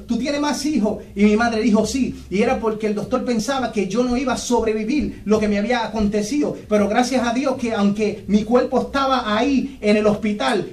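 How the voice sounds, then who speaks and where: Male evangelist with a very high voice, telling a fervent radio testimony, echoey and off-mic. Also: darkish tone, far from the mic. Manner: fervent, storytelling, breaks into tongues. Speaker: evangelist preacher. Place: radio station studio.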